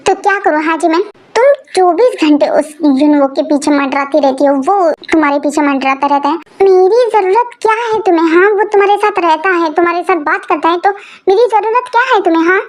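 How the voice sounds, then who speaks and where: A jealous, short-tempered young man scolds and sulks, as a woman acts him out. His voice sits high. He is a figure in a voiced fan-fiction audio story. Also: a little fast. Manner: sulky, scolding.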